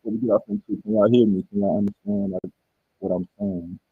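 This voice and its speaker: A man's voice: on the low side, fairly even intonation, fast, slight background noise. A man hosting a casual livestream in a laid-back, rambling way, talking straight to his viewers, his sound muffled as if heard through a wall. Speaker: livestream host. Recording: dull, muffled livestream audio.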